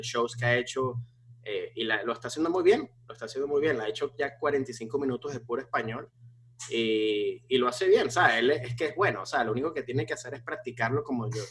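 A man, a stand-up comedian, talking casually with lots of restarts and fillers. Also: mid-range voice. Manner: animated, many restarts and fillers. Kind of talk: casual conversation.

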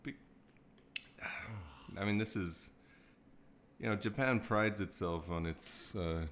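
A man's voice: sits low, slow pace, a bit bright, a little hiss or hum. A young man co-hosting a casual podcast, sweary and mocking, laughing often. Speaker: podcast co-host.

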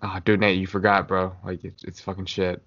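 A man's voice: sits low, monotone, brisk, a bit bright. A young American man chatting casually on a podcast in a frat-bro manner, full of slang and swearing. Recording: dull lo-fi audio.

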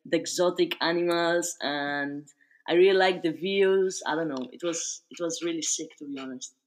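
A woman's voice: fairly low pitch, normal speed. Young woman, chatty guest. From Spain. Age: young adult. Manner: chatty, fillers like "like" and "you know". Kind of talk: casual interview.

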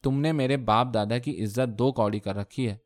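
An emotional young bride from a read-aloud story pleads and scolds with feeling, as a male reader puts her on. Her voice sits at a middling pitch, nothing exaggerated. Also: close to an everyday voice. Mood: scolding. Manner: impassioned, scolding pleas.

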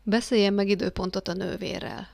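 A woman voicing a calm, measured male psychiatrist who speaks softly and clinically. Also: medium pitch, creaky, dry recording.

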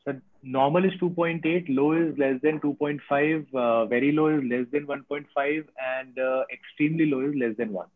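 A man with a North Indian accent giving clipped, deferential rapid-fire answers as a student in an oral quiz. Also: a little high, fairly even intonation. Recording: thin, band-limited phone-like call audio.

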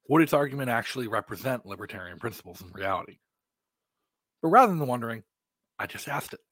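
American guy doing a podcast monologue, husky voice, deliberate emphatic phrasing, really dry close sound. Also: mid-range voice, fairly bright tone, dry recording. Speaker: podcast host.

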